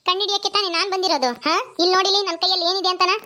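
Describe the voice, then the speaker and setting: A woman's voice: very high-pitched, steady tone, very fast, pushed and bright. A woman voicing a sly, scheming daughter-in-law who sweet-talks and accuses in a cartoon comedy.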